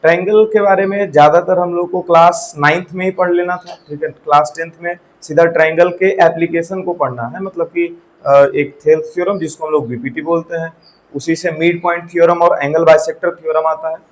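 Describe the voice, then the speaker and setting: Man, maths teacher, high voice, classroom lecture, quizzes students, keeps checking they follow. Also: steady tone, fairly quick, low-quality recording. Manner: asks the class questions and checks with repeated "theek hai".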